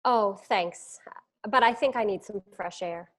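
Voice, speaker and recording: An actress playing a quiet, polite, wistful schoolteacher in a period drama screenplay reading. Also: female voice, medium pitch, measured pace, natural voice. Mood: polite, mild.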